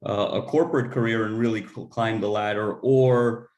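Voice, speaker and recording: Man from Los Angeles, low even voice, roomy sound. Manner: measured, halting, many fillers and restarts. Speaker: panelist, MSx student. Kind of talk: panel answers.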